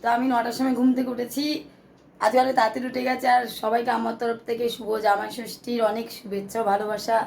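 Hoarse-voiced woman chatting fast at home. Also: on the high side, flat delivery, darkish tone, slight background noise, rough recording. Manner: chatty, addresses viewers directly. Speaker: vlogger. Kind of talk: casual home vlog talk to viewers. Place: small home flat. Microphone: phone held in hand.

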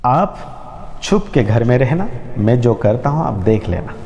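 A man voicing a patient older mother who calmly and firmly proposes a test of her sons. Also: medium pitch, unhurried, long reverb tail, muffled recording. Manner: calm, firm, resolved.

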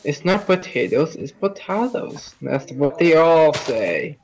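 Slow-talking joking male gamer. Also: a little high, very animated, a crowd in the background, rough recording. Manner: joking, contrary banter. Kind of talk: co-op gameplay chat.

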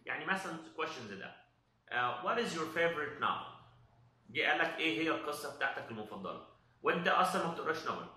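A man with an Egyptian Arabic accent, explaining an English test as an instructor, pausing often on drawn-out "uh" fillers and mixing in English terms. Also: a little high, very animated, bright, forceful tone, echoey room. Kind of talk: explanatory talk.

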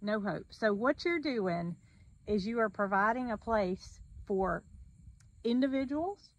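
A woman's voice: mid-range voice, animated, slow. A middle-aged woman host who affirms and sums up her guest's points in a casual outdoor interview. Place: outdoors by a metal barn wall.

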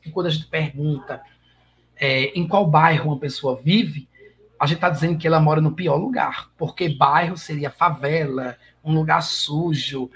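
A man's voice: on the high side, fairly bright tone, breathy edge. A man with a Brazilian accent giving an informal online lecture, chatty and addressing viewers by name. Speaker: guest lecturer.

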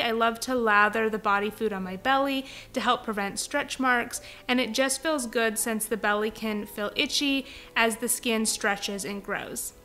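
A young woman hosting her home vlog, upbeat, friendly and chatty. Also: on the high side. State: pregnant. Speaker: vlogger host. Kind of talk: cheerful vlog talk and voice-over narration. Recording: soft background music.

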